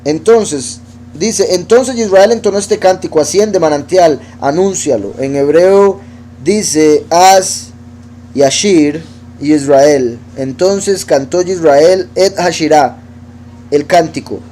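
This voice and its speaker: A man teaching a Bible study, reading verses aloud and slowly spelling out Hebrew words as he explains them. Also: high-pitched, dark tone, slight background noise. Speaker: teacher of scripture.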